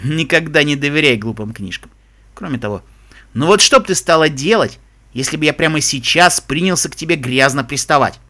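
A lazy stallion spy drawls ironic teasing in a bright, lively voice, as a male narrator puts him on. He sounds unbothered and mischievous. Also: on the high side, a little fast. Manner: drowsy, ironic.

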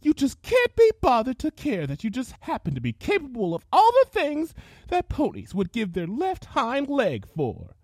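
Cruel vain unicorn mare, voiced by a woman, affected posh drawl, raised pitch, wildly swinging tone. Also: wildly swooping pitch, normal speed, darkish tone, breathy edge, no room sound, full character voice. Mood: cold, haughty. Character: cruel vain female unicorn pony seamstress.

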